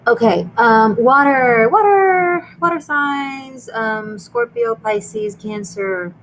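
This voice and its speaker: With a fairly high, lively voice at a slow pace, an Israeli Hebrew-accented tarot reader hosts a live stream of tarot and dream readings for her viewers. She's earnest and chatty, restarting often. The recording is rough, with slight background noise.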